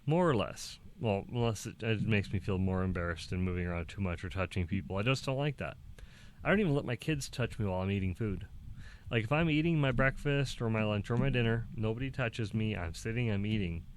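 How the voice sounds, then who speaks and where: A young man talking casually to the camera, halting and restarting, with small laughs between thoughts. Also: lowish voice, expressive, a little hiss or hum. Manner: acts out quoted dialogue in a raised voice. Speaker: vlogger.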